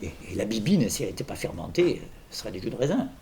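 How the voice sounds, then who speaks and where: A man's voice: lowish voice, very animated, quick pace, creaky, mellow, a little hiss or hum. A man lecturing on philosophy in an informal workshop, digressing with jokes and questions to his audience.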